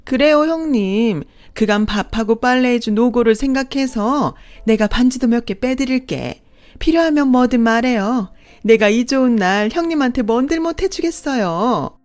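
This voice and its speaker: A woman voicing a brash, boastful mistress who acts like the mother-in-law, in a sneering, shrill manner. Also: lively intonation, normal speed, darkish tone, soft background music, lightly acted. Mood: gloating.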